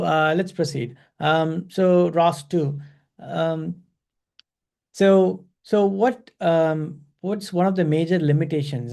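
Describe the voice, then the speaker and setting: A man leading an online class over a video call. His voice is gravelly and mellow and sits a bit high for a man. He talks in a halting way, full of fillers and restarts. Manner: hesitant, many fillers and restarts. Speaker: instructor.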